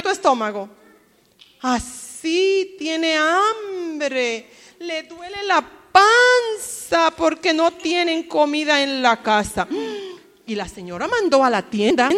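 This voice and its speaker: A woman telling a Bible story to small children, animated and addressing them by name. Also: sits high, slow, in a large hall.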